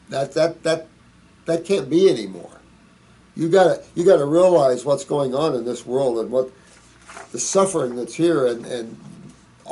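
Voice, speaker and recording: A man with a fairly high, dark-toned voice hosts a question-and-answer show, reading viewer questions aloud and answering them. His casual monologue is full of folksy, rambling, preachy advice.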